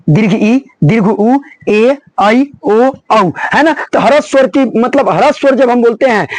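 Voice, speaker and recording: Guy teaching grammar, highish voice, keeps asking students stuff, dry close mic. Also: dry recording. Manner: repeats key points, asks students questions. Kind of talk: exam-prep lesson.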